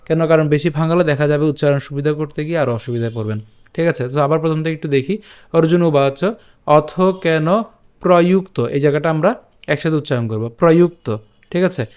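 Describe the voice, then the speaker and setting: Bengali guy teaching recitation, clear smooth voice, slightly high, repeats syllables slowly. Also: a little mellow. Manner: breaks words into syllables, repeats slowly, asks and answers himself. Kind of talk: patient pronunciation lesson.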